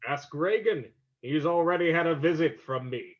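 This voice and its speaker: A man's voice: on the high side, normal speed, lo-fi sound, natural voice. A man playing a mysterious, mocking, commanding avenger in ominous, theatrical old-time radio style. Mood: menacing.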